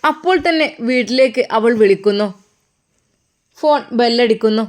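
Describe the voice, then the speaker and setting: A woman telling a story in a matter-of-fact way with a Malappuram Malayalam accent. Her voice sits a little high. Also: moderate pace, a little mellow. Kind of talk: story narration.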